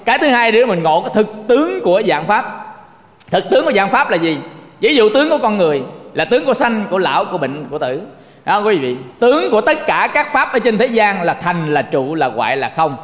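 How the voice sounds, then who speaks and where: A man's voice: high-pitched, big pitch swings, brisk, fairly bright tone. A man giving a Buddhist sermon, folksy and joking, often asking the audience for agreement. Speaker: Buddhist teacher. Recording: long hall reverb.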